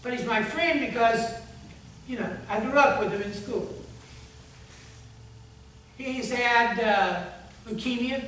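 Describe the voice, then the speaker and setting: A male pastor preaches, moving between relaxed storytelling and earnest appeals that drop to a hush. He sounds distant from the mic, his voice ringing around a very echoey church hall over a faint hum. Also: very high-pitched, slow pace, long pauses. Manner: conversational storytelling, earnest appeal, fading to hushed prayer. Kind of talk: sermon. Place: church sanctuary.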